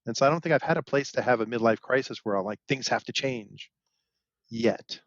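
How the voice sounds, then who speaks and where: A man's voice: mid-range voice, fairly quick, no room sound, muffled recording. A man in his forties co-hosting a podcast, chatting casually with dry jokes. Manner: joking, dry asides. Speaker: podcast co-host. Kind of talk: casual chat.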